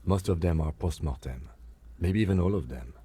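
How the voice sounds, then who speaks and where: Very deep, dry police detective. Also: male voice, warm tone, husky, no echo. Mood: measured, dry. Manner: measured, matter-of-fact, dry. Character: composed, methodical male police detective, dry and precise. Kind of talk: video game character acting.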